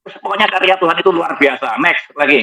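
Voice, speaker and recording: A man, a pastor giving his testimony in a studio talk, lively and jokey. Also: fairly high pitch, brisk, poor audio. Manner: lively, jokey, repeats "next lagi" while showing slides.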